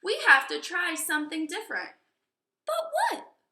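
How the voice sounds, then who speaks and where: A woman's voice: very high-pitched, big pitch swings, measured pace, pushed and bright, full character voice. A woman voicing three little storybook wolves, frightened but defiant and emphatic. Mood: worried. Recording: echoey room.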